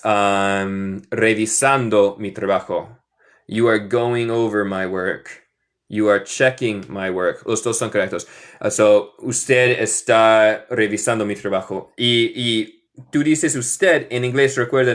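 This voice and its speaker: An American man with a Northern US accent, a native English speaker, teaching English in Spanish with slow, drawn-out model phrases in a live online lesson. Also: mid-range voice. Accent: Northern US (Michigan). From United States. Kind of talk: live online lesson, reading chat questions.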